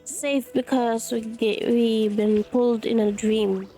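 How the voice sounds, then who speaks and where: Alone in her room, a game streamer from the Philippines rambles through gameplay in a Tagalog-influenced Filipino accent, her voice recovering after being lost. It sits a little high, mellow and fairly even, delivered slowly. Faint music plays behind her as she piles on fillers and corrects herself.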